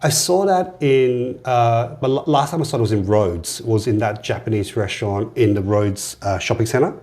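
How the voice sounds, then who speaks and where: A man's voice: medium pitch, normal speed, darkish tone. A man hosting a casual interview podcast, often repeating words and restarting his sentences.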